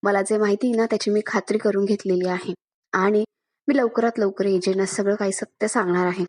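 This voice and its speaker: A woman's voice: mid-range voice, steady tone, fairly quick, darkish tone, natural voice. A woman voicing an earnest, determined young woman lying in a hospital bed, insistent in tone.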